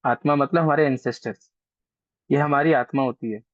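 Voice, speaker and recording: An online astrology teacher with a medium-pitched voice talks at a moderate pace, chatty and casual as he coaxes and teases his class. The video-call sound is dry, dull and lo-fi, without any room sound.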